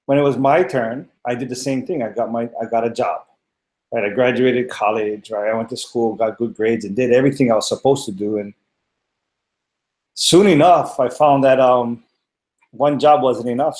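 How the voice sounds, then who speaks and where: A man's voice: mid-range voice, darkish tone, reverberant. A man in his forties from Hawaii, earnestly telling his own story on a webinar call from his home office, with many fillers and restarts. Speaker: panel guest. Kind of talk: personal testimonial on a webinar.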